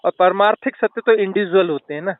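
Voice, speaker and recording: Male spiritual guest, high smooth voice, slow explaining, phone-line sound. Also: dry recording. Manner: slow, explanatory, with restarts and fillers. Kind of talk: spiritual talk with storytelling.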